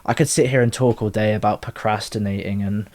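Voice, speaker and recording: A man's voice: on the low side, steady tone, a little fast, a little mellow. A man, talking candidly in a casual monologue, drifting off on tangents and swearing now and then. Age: 20s. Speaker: vlogger.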